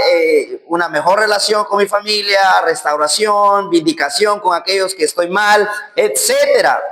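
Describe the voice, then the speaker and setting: A man preaching a sermon as pastor. He swings between loud, emphatic lines and low, soft passages, and acts out quoted voices and prayers.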